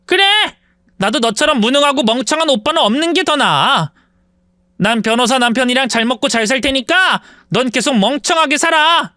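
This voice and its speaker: A reader voicing a spoiled, defiant young sister-in-law who taunts and yells back. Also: female voice, high voice, expressive, normal speed, dry recording, clean studio sound, pitched above the performer's own voice.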